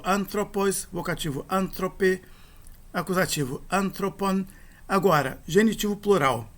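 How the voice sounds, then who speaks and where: Man, grammar teacher, fairly high voice, methodical and step by step. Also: fairly bright tone. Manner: methodical, spells out endings and accent rules. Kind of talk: recorded grammar lesson.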